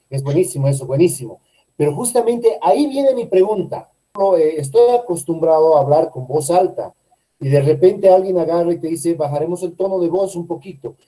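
A man's voice: on the high side, warm tone, low-quality recording. A man taking part in a class, asking a courteous, somewhat hesitant question. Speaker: course participant asking a question. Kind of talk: polite question in an online class.

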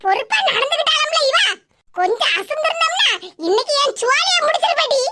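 A very high, piercing cartoon mother-in-law, voiced by a woman, scolding and mocking in thick Tirunelveli Tamil. Loud noise sits under the whole track. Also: animated, fairly quick. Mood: angry scolding. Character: scolding middle-aged mother-in-law, sharp-tongued.

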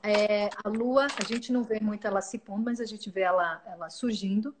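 A woman, giving a calm, earnest spiritual talk as a guest, often restarting her words mid-phrase. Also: mid-range voice, moderate pace, background noise. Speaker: guest speaker.

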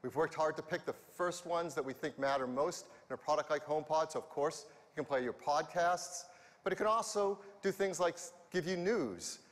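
An enthusiastic middle-aged man presents a product keynote from a big arena stage, his voice sitting a little high for a man. A headset mic carries it into a hall with a long, lingering reverb. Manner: enthusiastic, walks the stage gesturing. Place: large arena stage before a big audience.

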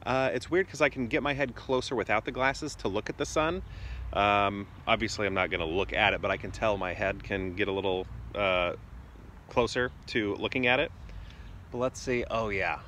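A man's voice: lowish voice, normal speed, sharp tone. A man in his forties vlogging casually on a phone in a backyard, musing tentatively and often trailing off mid-thought. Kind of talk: casual vlog narration of watching the sky. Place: outdoors in a residential backyard. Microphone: phone held at arm's length. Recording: clear outdoor ambient noise.

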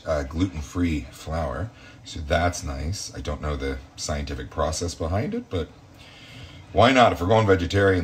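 A man from Texas hosts a casual cooking show from his own kitchen, with a fairly low voice. He keeps up a chatty, campy stream of self-mocking asides while he demonstrates. A faint hum of room noise sits behind him. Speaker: home cooking show host. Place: home kitchen.

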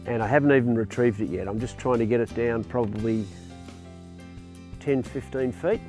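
A man talks through his fishing technique on a marina jetty, relaxed and explanatory. His voice is mellow and dark, mid-pitched. Faint music sits underneath. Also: normal speed. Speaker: angler demonstrating lures. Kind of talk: casual fishing demonstration. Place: outdoors on a marina jetty by the water.

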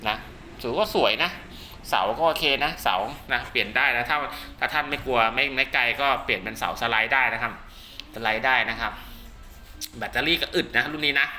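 A medium-pitched man briskly demonstrates products at home as a radio seller and channel host, rambling, repeating himself, and adding polite tags often. Soft music plays, and loud heavy rain is audible behind his voice.

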